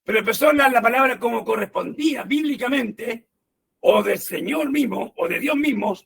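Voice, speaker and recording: A man preaching a sermon in an animated way, often calling his listeners brothers. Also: extremely high pitch, normal speed, creaky, slightly rough.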